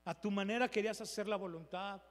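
High-voiced preacher in a reverberant hall. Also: male voice, steady tone, fast. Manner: preaching with rhetorical questions to the congregation, mimicking voices. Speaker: pastor. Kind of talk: sermon.

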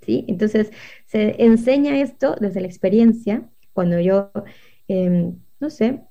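A woman talks through parenting ideas in an earnest, explanatory way, checking that her listeners follow. Her voice is warm and mellow, with a dark tone. The recording sounds a little dull and lo-fi. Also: mid-range voice, slow pace, vocal fry. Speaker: parenting guest expert. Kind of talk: conversational explaining on a podcast.

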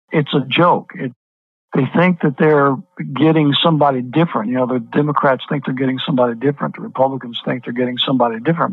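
A man's voice: mid-range voice, no echo. A man, a pastor, speaking as a guest in an interview, emphatic and repeating words to press his point. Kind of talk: interview over the phone. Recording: tinny phone line.

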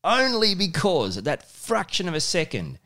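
A man's voice: fairly high pitch, huge pitch swings, moderate pace, bright, forceful tone. A man hosting a casual podcast chat with a child, patiently prompting with questions and simple explanations. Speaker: podcast host, father talking with his child.

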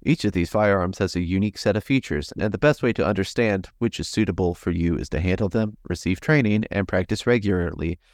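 A male show host putting on a robot voice to read out machine-written advice in a stiff, even way. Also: low voice, a little fast, few pauses, dry recording, clean studio sound. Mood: robotic.

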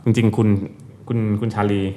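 A man's voice: moderate pace, warm tone, slight background noise. A man co-hosting a casual podcast chat, explaining history at length and admitting when he is unsure how to pronounce a name. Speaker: co-host explaining beer history.

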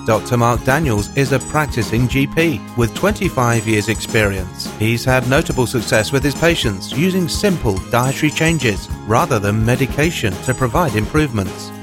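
A man's voice: mid-range voice, lively intonation, normal speed, few pauses. Guy reading the show intro, polished, music playing under him. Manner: smooth, polished read. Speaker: announcer.

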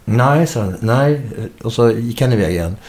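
A man's voice: on the low side, dark tone. A middle-aged man, a musician guest, telling a story in a casual interview, acting out the quoted dialogue and swearing casually.

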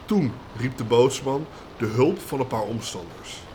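A man co-hosting a podcast, reading a folk tale aloud in a steady, matter-of-fact way with casual banter. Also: mid-range voice, measured pace, a little hiss or hum. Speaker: podcast co-host, storyteller.

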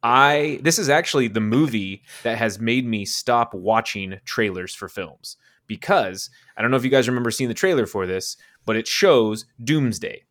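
A man's voice: mid-range voice, moderate pace, fairly bright tone. A man co-hosting a casual movie podcast, ranting with profanity and incredulous laughter. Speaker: podcast co-host.

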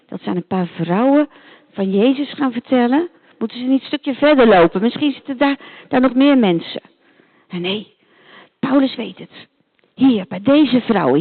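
A woman telling a Bible story to children, animated and speaking directly to her listeners, on a tinny phone-like recording. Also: on the high side, vocal fry, slightly rough.

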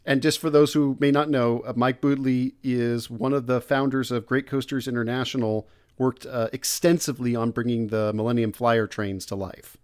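A man's voice: medium pitch, steady tone, moderate pace, few pauses, a little mellow, clear, resonant tone. A male interviewer who adds brief prompts and background for listeners. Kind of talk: interview questions.

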